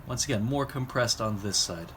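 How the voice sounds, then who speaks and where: A man explaining how to draw eyes and mouths, talking while he sketches and pausing between phrases. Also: fairly low pitch, expressive, a bit bright, a little hiss or hum. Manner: explanatory, talks while drawing, pauses mid-phrase. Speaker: drawing instructor. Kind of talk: recorded art lesson.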